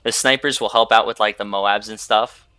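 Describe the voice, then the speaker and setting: A man's voice: fairly low pitch, fairly even intonation, moderate pace, bright, forceful tone, clean tone, dry recording. A young man hosting a gaming video, rambling casually over his gameplay and filling gaps with "like" and "you know". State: sleepy, yawning. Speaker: gaming channel host.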